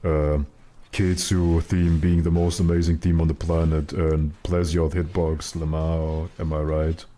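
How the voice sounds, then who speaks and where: A man with a very deep voice chatting casually with his stream viewers while gaming, in a joking, mock-serious way. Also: level tone, measured pace, few pauses, warm tone. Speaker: live game streamer.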